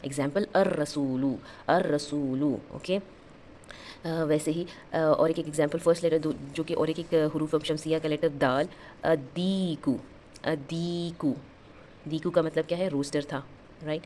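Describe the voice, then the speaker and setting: Low-pitched woman teacher, patient drilling, faint background hiss. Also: flat delivery, warm tone. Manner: repeats each term and drills example words slowly. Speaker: Arabic teacher. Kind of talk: explaining lesson, mixing Hindi and English.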